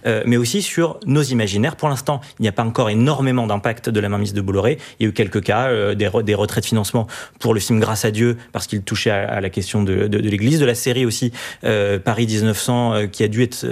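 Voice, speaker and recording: A man's voice: on the low side, fairly even intonation, quick pace, a little mellow. A man speaking as a panelist on a radio news debate, building a dense argument with many restarts.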